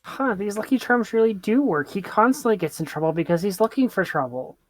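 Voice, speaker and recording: A woman's voice: mid-range voice, animated, a little fast, no room sound. A woman chatting casually as a player in a tabletop role-playing game.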